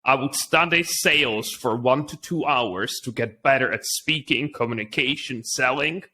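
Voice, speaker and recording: Appearing as an interview guest, a man from the Czech Republic recounts his story in conversational English, his second language, with a Czech accent. He speaks at a moderate pace in a mid-range voice with a bright, forceful tone.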